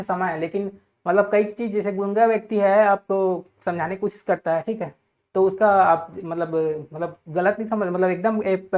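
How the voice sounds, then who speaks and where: A man teaching a class, explaining points step by step, checking in with "okay" after nearly every phrase and putting questions to his students. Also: sits high. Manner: repeats "theek hai" constantly, asks students questions. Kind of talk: classroom lecture. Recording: tinny phone-like audio.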